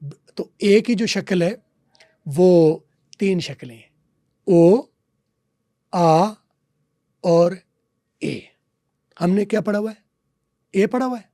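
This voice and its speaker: A man's voice: high voice, animated, measured pace, long pauses, dark tone, no room sound. Male teacher, dry close sound, quizzes and drills example words. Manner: lecturing, repeats example words and asks quiz questions. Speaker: English teacher guest. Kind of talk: podcast interview, explaining.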